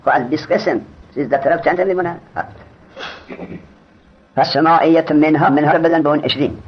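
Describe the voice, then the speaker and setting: A man teaching Arabic grammar in a classroom lecture. He reads the text aloud, explains it in casual speech and quizzes his students. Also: medium pitch. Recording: dull lo-fi recording.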